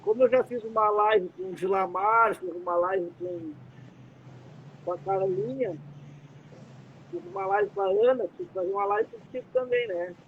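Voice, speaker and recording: A Brazilian man with vocal fry and big pitch swings speaks at normal speed, his Brazilian Portuguese accent clear as he hosts a casual live stream from a dim room. His talk rambles and is packed with fillers. A computer mic, used with the headset removed, gives muffled lo-fi audio and a faint rumble.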